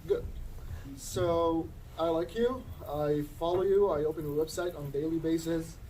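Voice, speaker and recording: A man's voice: a little high, moderate pace, mellow, a little hiss or hum. A man from Syria, an audience member asking a candidate a question at a town hall, hesitant and full of fillers. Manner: hesitant, with many fillers and restarts.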